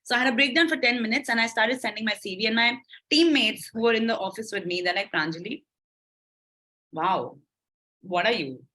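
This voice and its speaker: A woman's voice: fairly quick, rough recording. A young woman as a podcast guest, telling her story candidly and acting out the lines of the people in it. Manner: animated, acts out quoted dialogue with shifting pitch.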